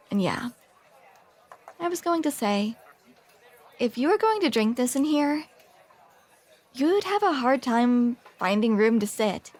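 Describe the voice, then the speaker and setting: In an ASMR roleplay, a woman plays a grumpy, flustered tsundere barista hiding a soft side, her voice on the high side and heavily acted. She comes across sardonic and self-deprecating, halting awkwardly.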